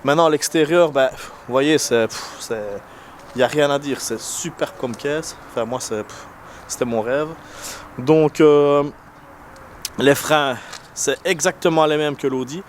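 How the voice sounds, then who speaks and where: A man's voice: on the high side, a little slow. A man with an unusual French accent hosting a casual car vlog, talking in a hesitant, chatty way with many fillers and restarts. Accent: non-standard French accent. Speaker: car channel host. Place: in a car, then outdoors beside parked cars. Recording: noisy, with car and street sound. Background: vehicle and street noise.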